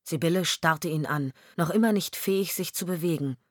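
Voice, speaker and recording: A woman narrating an audiobook in a measured, expressive reading on a close mic. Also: low-pitched, no echo. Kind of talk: scripted narration.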